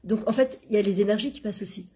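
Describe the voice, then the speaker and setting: A middle-aged woman giving an informal religious lesson, talking in a lively, conversational way and dropping Hebrew terms into her French. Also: medium pitch, rapid-fire, a little hiss or hum. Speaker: Torah class teacher and coach.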